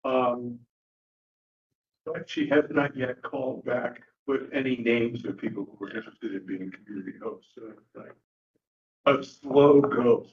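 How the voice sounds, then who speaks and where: A man reports to a board meeting and pauses often between his phrases. He sits well away from the microphone. The room echoes, and the recording sounds dull. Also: medium pitch, fairly even intonation, distant mic. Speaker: advisory board member. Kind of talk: casual meeting chat.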